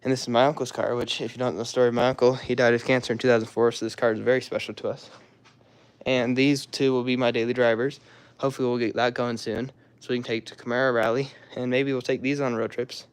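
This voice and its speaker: Hoarse young man rambling about cars. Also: mid-range voice, flat delivery, fast talker. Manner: rambling, loose and offhand, trails off mid-sentence. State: hoarse, throat-clearing, coughing. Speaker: car hobbyist showing his garage. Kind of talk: casual walkaround vlog.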